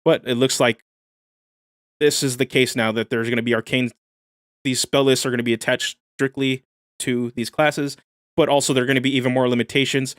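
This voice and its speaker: A man hosts a livestream in a loose, excited way, reacting to new rules and catching up with chat. His voice sits at a middle pitch, and the sound is dry with no room echo. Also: a little fast. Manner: enthusiastic, casual slang, reads chat aloud. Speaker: livestream host. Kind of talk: casual livestream commentary.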